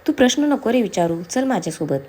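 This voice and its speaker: A woman's voice: fairly high pitch, lively intonation, a little fast, warm tone, slight background noise, lightly acted. A woman voicing a bossy young wife who scolds her husband in a storybook reading. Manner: scolding, playful.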